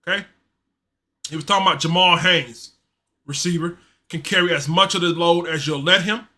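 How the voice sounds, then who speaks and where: A man hosting a casual live-stream sports show, talking in a loose, slangy, animated way and reading chat messages aloud. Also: a little high, normal speed. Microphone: streaming mic.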